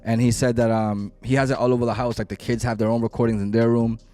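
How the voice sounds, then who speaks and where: A man's voice: medium pitch, little pitch movement, quick pace, mellow. A man in his late thirties hosting a podcast, chatting casually and reflectively, swearing freely. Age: 30s. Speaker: podcast host. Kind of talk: casual chat.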